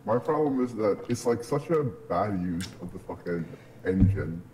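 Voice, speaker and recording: A male podcast guest talking through a deep voice changer in casual, blunt chat, swearing constantly. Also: animated, normal speed, noisy background. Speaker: guest streamer.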